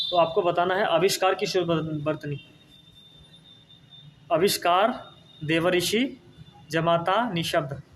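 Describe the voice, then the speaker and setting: High-voiced male teacher going over spellings. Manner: repeats words, asks and answers, tag "ठीक है ना". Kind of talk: exam-prep spelling lesson.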